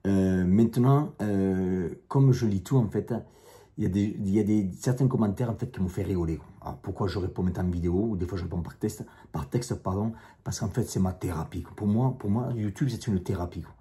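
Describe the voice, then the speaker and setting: A man's voice: sits low, brisk, mellow. A man with a strong accent talking bluntly straight to camera in a casual monologue, repeating himself and dismissing critics. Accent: strong non-native accent in French. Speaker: YouTuber, self-defence instructor.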